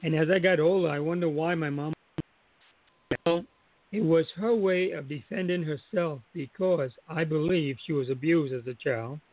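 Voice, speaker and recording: A man calling in to share a personal testimony, reflective, chuckling now and then as he recalls, his voice going hoarse. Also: on the high side, normal speed, dry recording. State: losing his voice. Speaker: caller. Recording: dry tinny phone line.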